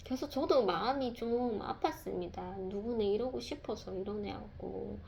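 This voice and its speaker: Woman, conversational testimony, mid-pitched, soft and reflective, faint background hiss. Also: creaky. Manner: soft-spoken and reflective, with pauses and fillers. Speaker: speaker sharing a personal testimony. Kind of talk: casual testimony talk.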